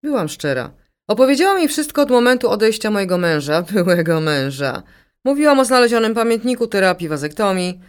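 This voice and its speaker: A woman narrating a first-person story in a reflective, expressive way. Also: a little high, quick pace, clean tone. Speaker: audiobook narrator.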